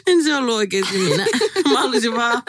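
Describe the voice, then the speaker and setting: A woman's voice: a little high, lively intonation, a bit bright. A woman co-hosting a podcast in casual chat, giggling often and reading listener gossip aloud. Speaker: podcast co-host.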